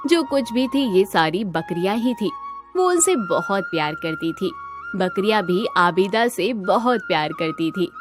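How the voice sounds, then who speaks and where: A woman narrating a cartoon moral story in a measured scripted style. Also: mid-range voice. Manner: slow, measured.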